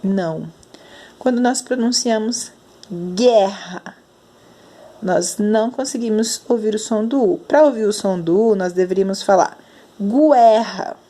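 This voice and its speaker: Slow-enunciating Brazilian teacher woman. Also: mid-range voice, dark tone. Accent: Brazilian Portuguese. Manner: slow, drawn-out enunciation of sounds. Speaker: primary school teacher. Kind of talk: explaining lesson to children.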